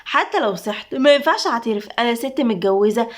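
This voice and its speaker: A woman's voice: on the high side, animated, quick pace. A woman reading the part of a wounded but wry young married Egyptian woman in a spoken story, with an Egyptian accent. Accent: Egyptian Arabic.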